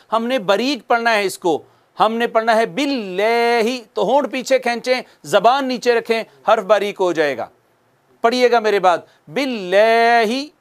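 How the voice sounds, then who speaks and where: A man with a very high voice gives a slow spoken tajweed lesson, reciting examples along the way. Calm, patient, and deliberate, he draws out each recited word and repeats it so students can follow.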